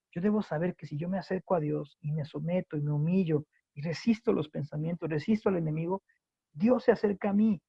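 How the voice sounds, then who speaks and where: Mexican pastor guy preaching hard, husky voice, kinda high, dry dull lo-fi sound. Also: no echo. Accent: Mexican Spanish. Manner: impassioned preaching, rising to near-shouts when quoting scripture. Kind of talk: sermon at a home group.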